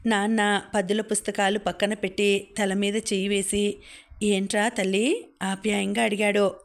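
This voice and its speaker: A woman narrating a novel in the first person as an audiobook reader, with steady, measured storytelling. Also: medium pitch, creaky.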